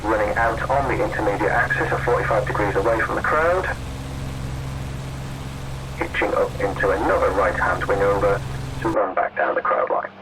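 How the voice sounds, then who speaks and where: A man giving measured, matter-of-fact commentary as a pilot and narrator. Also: lowish voice. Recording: steady loud aircraft noise. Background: aircraft engine.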